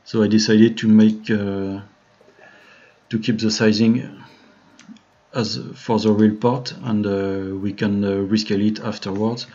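A man with a French accent talks slowly, in a lowish voice, as he walks viewers through a modeling tutorial on a live stream. He hesitates often, filling gaps with "uh" and restarting his sentences. The audio is dull and lo-fi. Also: little pitch movement, dark tone. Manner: hesitant, many fillers and restarts, friendly to chat.

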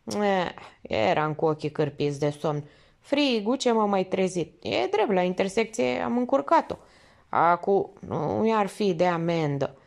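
A woman voicing a weary middle-aged male truck driver who speaks hoarsely and unsurely in rustic speech. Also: mid-range voice, expressive, darkish tone. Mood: plaintive.

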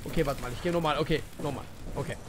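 Male streamer, high and bouncy voice, faint hiss behind him; restless, mutters, then bursts out loud. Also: very fast. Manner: chatty, talks to chat and himself, swings from mumbling to loud outbursts. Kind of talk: live gameplay commentary.

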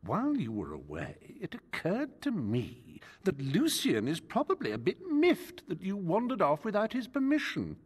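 A man's voice: sits high, huge pitch swings, normal speed, few pauses, slightly rough, big-room sound, full character voice. An actor playing a vain, treacherous male rogue in a video game, speaking in a pompous, theatrical drawl. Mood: smug.

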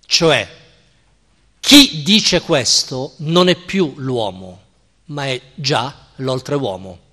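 A male philosophy professor lecturing slowly and deliberately, stressing his key words and checking in with his audience. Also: medium pitch, lively intonation, sharp tone. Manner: slow, deliberate, emphatic, checks in with listeners. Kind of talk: university-style lecture. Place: lecture hall at a cultural center. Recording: reverberant lecture hall.

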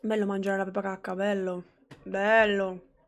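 Excitable young woman streaming a game. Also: medium pitch, moderate pace. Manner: excitable, swearing, talks to chat. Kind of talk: live game stream commentary.

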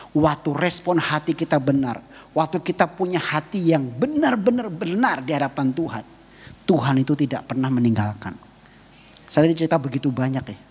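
Husky-voiced pastor preaching in a reverberant hall. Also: male voice, high voice. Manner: emotional storytelling preacher, rising to loud peaks and dropping to soft asides. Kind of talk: sermon. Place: church hall. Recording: long reverb of a church hall.

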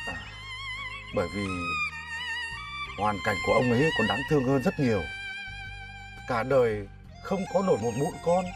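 Một nam diễn viên giọng miền Bắc đóng vai người cha lớn tuổi, điềm tĩnh, từ tốn khuyên bảo con. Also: male voice, mid-range voice, normal speed, long pauses. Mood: reflective. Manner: calm, reflective, gently lecturing. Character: wise older father, calm and forgiving. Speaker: actor in a TV comedy series. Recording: distant mic, music behind.

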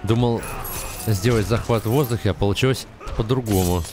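A man's voice: on the low side, brisk, noisy background. A young man giving casual live gameplay commentary in short muttered reactions, on a close mic. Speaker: gamer commentator. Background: fighting game music and effects.

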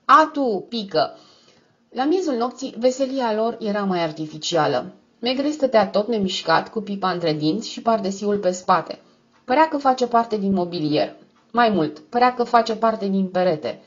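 A woman's voice: medium pitch, lively intonation. Woman narrating an audiobook, muffled sound. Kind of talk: scripted narration.

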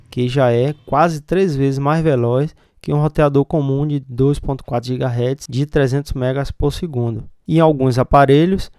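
A man's voice: mid-range voice, darkish tone. A man with a Brazilian accent, a computer shop owner, casually walking viewers through setting up a router step by step. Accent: Brazilian Portuguese. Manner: casual, explanatory, talks through screen steps. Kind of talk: hands-on tech tutorial.

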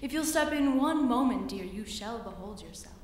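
Girl putting on a low, coaxing spider. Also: expressive, a little hiss or hum, close to an everyday voice. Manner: low, soft, coaxing and drawn-out. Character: sly flattering male spider, smooth and scheming. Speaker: student reciting a poem. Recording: echoey hall from far off.

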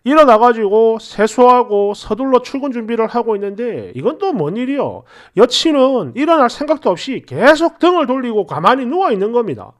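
A man's voice: very high-pitched, very animated, a little fast, few pauses. A young man narrating a story in a chatty, exasperated way.

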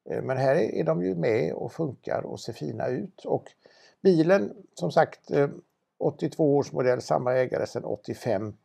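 Gravelly, husky man. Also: mid-range voice, expressive, mellow. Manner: knowledgeable, chatty, many restarts. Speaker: car auction presenter. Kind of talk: casual car talk.

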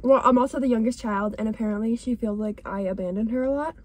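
A woman's voice: a little high, fast talker, a little mellow. Chatty teen girl in a car. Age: teens. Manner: chatty, rambling, many fillers. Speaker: co-host. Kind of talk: casual car chat. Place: inside a car.

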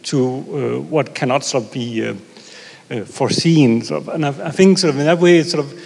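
A man's voice: mid-range voice, a little fast, creaky, a little mellow, breathy edge. A man in his thirties moderating a panel discussion, hesitant and full of fillers and restarts, on a handheld mic in a seminar room. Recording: reverberant room.

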